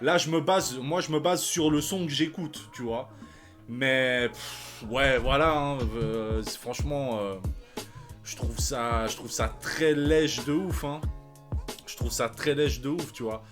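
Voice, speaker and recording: Over music, a man in his 30s who hosts a reaction channel talks a bit slowly in a mid-range voice. His commentary is casual and slangy, broken up by frequent sighs, fillers and false starts.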